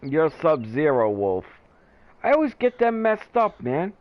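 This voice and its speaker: Chatty man in his fifties, rather high. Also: wildly swooping pitch, unhurried, dry recording, lo-fi sound. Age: 50s. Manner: rambling and jokey, laughing at himself. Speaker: gaming streamer. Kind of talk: casual chat with viewers while playing.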